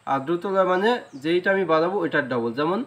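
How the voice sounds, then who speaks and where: With a somewhat high, slightly bright voice, a flute teacher carrying a Bangladeshi Bengali accent walks his student through rhythm. He patiently explains, sings the sargam syllables slowly, and often checks in with "right?"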